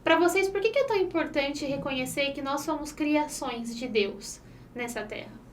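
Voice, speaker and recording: A woman's voice: high-pitched, moderate pace, recorded from a distance, slight background noise. A woman in her twenties from Brazil hosting a casual podcast chat, upbeat and chatty. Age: 20s. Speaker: podcast host.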